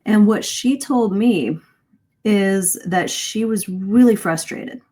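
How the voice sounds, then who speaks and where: A middle-aged woman, an English communication coach, hosts a live online English lesson over a video stream, explaining and stressing key points in a conversational, encouraging way. Her medium-pitched voice is warm, and she speaks slowly.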